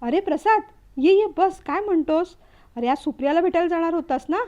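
A woman voicing a middle-aged mother-in-law who scolds and complains in a shrill voice. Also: lively intonation, a little fast, dark tone, lo-fi sound. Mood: welcoming.

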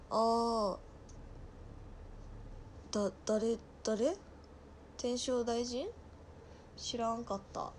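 A woman's voice: fairly high pitch, slight background noise. Young woman with Nagasaki dialect. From Nagasaki, Japan. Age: 20s. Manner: chatty, reads comments aloud, drifts into soft mutters. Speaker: livestream host. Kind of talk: casual livestream chat.

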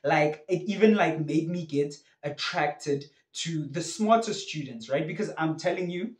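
A man's voice: on the high side, measured pace. A young man giving casual, chatty advice to students, often checking in with "right?". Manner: chatty, animated, full of "right?" and "you feel me?". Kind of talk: casual advice talk to camera. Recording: echoey room.

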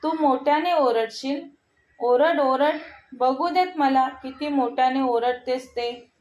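A woman's voice: sits high, slow, darkish tone, roomy sound, rough recording. A woman voicing a cruel, scheming young man who taunts and threatens. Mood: taunting. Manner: taunting, sneering.

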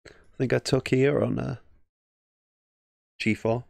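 Studio-quality and free of room sound, this recording features an Englishman with an English accent streaming chess. He talks through the game casually and slowly, in a steady, creaky mid-range voice, frequently trailing off into muttered, unfinished thoughts.

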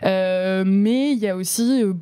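A woman's voice: medium pitch, measured pace, mellow, clean tone, no echo. A woman, a series journalist, giving her opinions as a podcast guest, with lots of hesitations and restarts. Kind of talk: casual podcast discussion.

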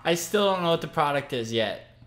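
Animated young man, casual reaction commentary. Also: fairly high pitch, fairly quick, over loud music. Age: 20s. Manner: sweary, hyperbolic, amused. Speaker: reaction video host. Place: small room, indoors.

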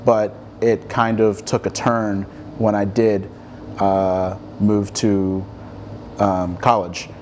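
Young man, low voice, halting answers. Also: a little mellow, slight background noise. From Ethiopia, raised across Africa. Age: 20s. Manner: thoughtful, many ums and restarts. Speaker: guest artist. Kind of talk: relaxed interview answers. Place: dim studio with armchairs.

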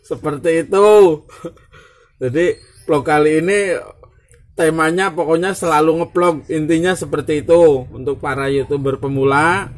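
A man's voice: fairly high pitch, normal speed. Playful Indonesian man vlogging. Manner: playful, switching into broken English, laughing at himself. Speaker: YouTuber. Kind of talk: casual vlog talk.

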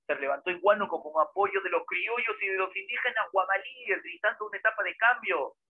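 Dramatic male history teacher, raised pitch, husky tone, questions the class as he tells the story. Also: a little fast, no echo. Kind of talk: lively classroom lecture. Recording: dry, tinny phone-like sound.

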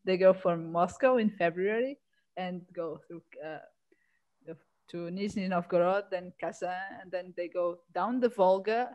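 A woman's voice: on the low side, measured pace, darkish tone, dull audio. A woman chatting casually as a panelist on a video call.

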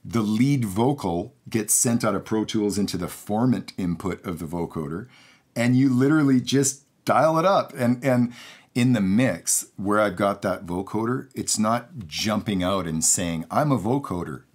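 Talking casually to camera indoors in his home recording studio, a man in his forties who works as a mixing engineer delivers an enthusiastic tutorial. He sounds husky and lowish, animated yet a little slow.

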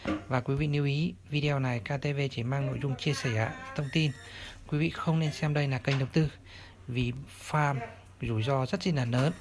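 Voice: mid-range voice, moderate pace, a crowd in the background. A channel host gives step-by-step narration for a screen tutorial. The host speaks politely, addresses viewers formally, and points out each step on screen. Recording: clear steady background noise.

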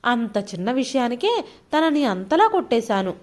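A short-tempered young husband from a storybook, as a woman reads him, his voice swinging up and down with an irritable edge. He sits a little higher than her plain narration. He talks in a scolding, then soothing way. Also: sing-song, moderate pace.

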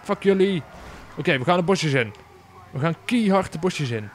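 Young Dutch man, gameplay commentary, excitable, swears a lot, higher voice, very lively pitch. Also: normal speed, slight background noise. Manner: excitable, swears often, bursts into shrieks. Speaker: gaming YouTuber.

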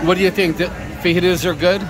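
A man with a high, steady voice talks fast as he hosts a casual food review vlog from a table in a busy restaurant, filming on a handheld camera. He's chatty and upbeat, using simple words of praise. The low-quality recording picks up restaurant music and the chatter of other diners.

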